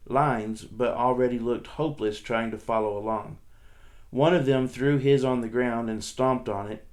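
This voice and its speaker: A man, a teacher, reading a novel aloud to his students in a steady, plain storytelling manner with small restarts. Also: mid-range voice.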